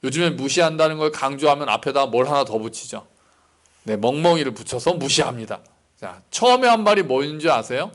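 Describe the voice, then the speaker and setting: A man's voice: mid-range voice, expressive, fairly quick, a bit bright. A male pastor giving a sermon in a conversational, explanatory way, often asking rhetorical questions.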